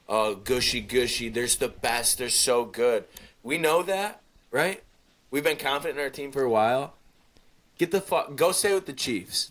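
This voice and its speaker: Excitable young man rambling about sports. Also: mid-range voice. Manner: excitable, rambling, frequent restarts and swearing. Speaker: podcast co-host. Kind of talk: casual sports podcast chat.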